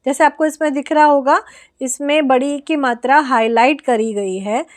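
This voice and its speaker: Indian lady teacher, high voice, walks parents through it step by step, drags out the example words. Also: steady tone, moderate pace. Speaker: online teacher. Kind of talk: Hindi lesson for parents.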